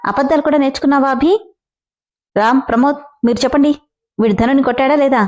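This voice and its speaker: A stern, hot-tempered middle-aged father scolds his son harshly in a storybook reading, as a woman puts him on. The voice sits fairly high and mellow, never gruff or deep. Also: fast talker, lightly acted. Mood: angry.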